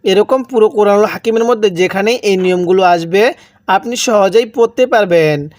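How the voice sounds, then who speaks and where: A man teaching Quran reading in Bengali with a Bangladeshi accent, spelling out words slowly and asking and answering his own questions. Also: sits high, a little mellow, dry recording. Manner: drills syllable by syllable, asks and answers own questions. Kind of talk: slow spelled-out recitation lesson.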